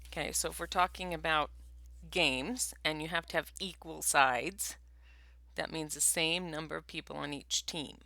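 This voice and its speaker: A woman teacher reading a picture book aloud to her first grade class, expressive and stopping to ask questions. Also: low-pitched, normal speed, gravelly, dry recording.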